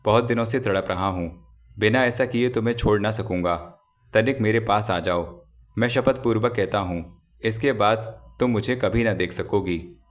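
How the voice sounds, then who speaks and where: A man's voice: on the low side, natural voice. A man reading as a desperate lovesick man. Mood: tearful. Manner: slow, imploring. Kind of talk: audiobook character reading.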